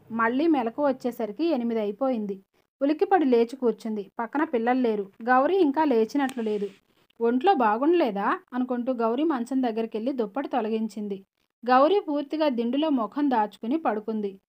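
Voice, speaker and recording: A woman narrating a novel as an audiobook reader, in a steady storytelling manner. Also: a little high, dull audio. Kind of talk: novel reading.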